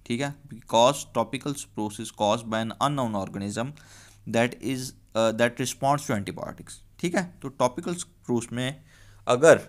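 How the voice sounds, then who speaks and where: A man lectures medical students at an unhurried pace. His low voice has a gravelly edge. He repeats the key terms as he explains each answer. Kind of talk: exam-prep lecture mixing Hindi-Urdu and English.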